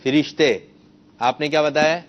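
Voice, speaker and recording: A man with a slightly high voice hosts a children's religious quiz in a TV studio, calling kids forward and drilling them on how to say each word. His voice comes through muffled and lo-fi. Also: fairly even intonation. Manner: coaxing and drills pronunciation. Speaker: children's quiz show host. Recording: muffled lo-fi broadcast sound.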